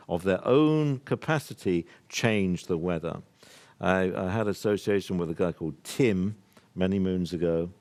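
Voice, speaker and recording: Older man from the uk, lowish voice, earnest workshop lecture, emphatic, rambling. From United Kingdom. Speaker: workshop speaker. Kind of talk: live workshop talk to an audience.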